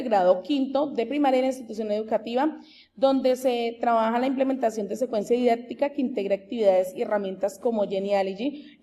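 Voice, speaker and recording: A woman, a master's degree candidate, presents her thesis project in a formal, steady, explanatory manner. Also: fairly high pitch. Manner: steady, explanatory, with occasional restarts.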